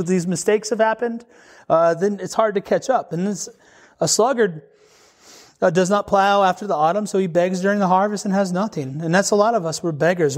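A man delivers a sermon to young men. His voice sits a little high for a man. He preaches in a casual, joking way, chatting with the crowd as if over coffee. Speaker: pastor.

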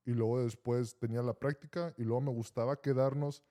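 Brief: Mexican man, co-host, animated storyteller, mid-pitched, casual slang. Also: brisk. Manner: animated, slangy, says vato often. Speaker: podcast co-host.

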